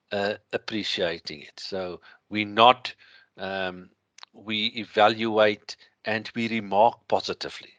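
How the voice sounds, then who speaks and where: A man with a thick Afrikaans accent lecturing through slides, explaining in a halting way with everyday examples. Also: on the low side, fairly bright tone, dry recording.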